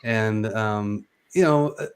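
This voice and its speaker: A man's voice: on the low side, slow pace, smooth. A man hosting a casual trading show, upbeat and loose, with plenty of fillers as he walks through charts. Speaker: host. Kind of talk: casual market chat.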